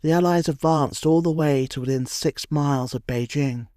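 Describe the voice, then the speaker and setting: A man narrating a history documentary from a script, in a measured, dramatic storytelling cadence. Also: a little high, a little mellow, no room sound, studio quality.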